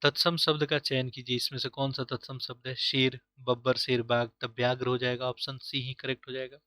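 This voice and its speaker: A man's voice: mid-range voice, level tone, brisk, pushed and bright, no echo, studio quality. A man teaching Hindi for an exam, asking himself questions and repeating each answer to drill it in. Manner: uses English words like "easily", "correct", "option" inside Hindi. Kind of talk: online exam-prep lesson.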